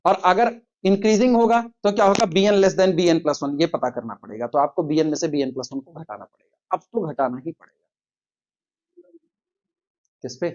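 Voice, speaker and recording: Guy teaching math, high voice, slow dictation, dull lo-fi sound. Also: darkish tone. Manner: slow, dictates step by step, quizzes students. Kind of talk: classroom lecture.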